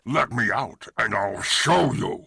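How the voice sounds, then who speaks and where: A man's voice: mid-range voice, expressive, slow pace, vocal fry, bright, forceful tone, full character voice. An actor playing a ferocious mutant crocodile man in an audio drama, menacing and full of threats, on a noisy recording.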